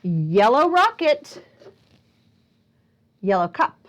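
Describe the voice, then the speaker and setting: A children's librarian hosts a picture book storytime, speaking very slowly close to a camera in a higher voice with big pitch swings. She playfully asks the young listeners questions and exclaims with wonder.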